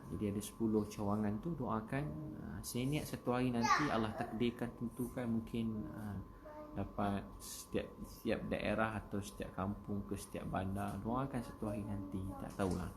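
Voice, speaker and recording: A Malaysian man with a Malay accent speaks in a low voice, preaching casually over a phone livestream. He repeats short refrains and builds them into loud, emphatic exhortations. Steady background noise runs under the whole recording. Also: moderate pace. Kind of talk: casual Instagram live religious talk.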